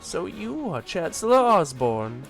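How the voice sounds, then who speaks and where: A man's voice: high-pitched, sing-song, a little slow, vocal fry, fairly bright tone, soft background music, full character voice. A man voicing a wry young prince who is courteous but probing. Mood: wry polite.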